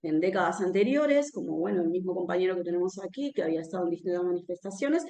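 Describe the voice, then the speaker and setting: A woman's voice: lowish voice, animated, fast talker, creaky, mellow. A woman from Argentina with an Argentine accent giving a live public talk in a conversational way, often ending phrases with a questioning "no?". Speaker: speaker at a political talk. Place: room where a talk is held, with an audience. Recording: roomy echo.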